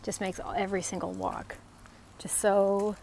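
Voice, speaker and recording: A woman talking casually as she walks outside, explaining things in short, halting, conversational phrases. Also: medium pitch, level tone, vocal fry, darkish tone. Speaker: host of an outdoor tree identification vlog. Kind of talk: casual talk to camera while out walking. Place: outdoors along a residential street on a walk. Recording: faint outdoor background noise.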